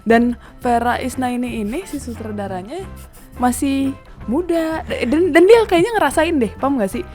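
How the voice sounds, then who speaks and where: A woman, co-hosting a film review in casual, animated banter. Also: high-pitched, moderate pace, soft background music. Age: 20s. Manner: animated, laughs often, slangy Jakarta-style banter. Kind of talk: casual chat.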